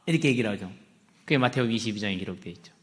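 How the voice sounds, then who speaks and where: A man's voice: fairly low pitch, very fast, a bit bright. A middle-aged male pastor, preaching a story-driven sermon and asking his congregation questions. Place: church sanctuary. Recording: echoey church hall.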